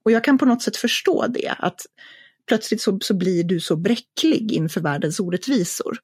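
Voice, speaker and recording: A woman's voice: medium pitch, expressive, darkish tone, slightly rough, no room sound, clean studio sound. A woman co-hosting a podcast in casual chat, talking thoughtfully and hesitantly with many fillers. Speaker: podcast co-host.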